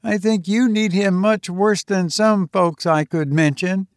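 A man doing a blunt sharp-tongued old village woman. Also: sits high, steady tone, measured pace, no echo, clean studio sound. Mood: pointed. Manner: blunt, pointed.

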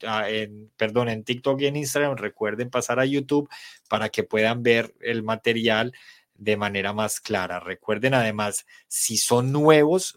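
A man leads a live-streamed English lesson. His voice sits at an ordinary middle pitch, and he explains words patiently, often pausing to correct himself. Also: fairly bright tone. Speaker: English teacher. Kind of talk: live-streamed online class.

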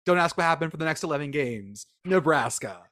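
Brief: sarcastic male podcast co-host, animated, lively delivery. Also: on the high side, brisk. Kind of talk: casual sports chat.

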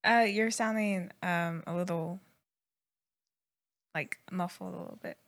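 A woman's voice: on the low side, fairly even intonation, a little slow, creaky. A woman in casual chat, her voice faint and muffled as if heard through a wall.

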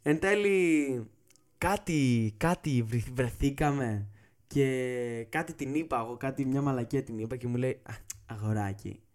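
A man recounting a funny trip story in a loose, casual way. He swears freely and acts out the dialogue with lively bursts. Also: mid-range voice. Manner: profane, animated, acts out dialogue. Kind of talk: casual comic anecdote.

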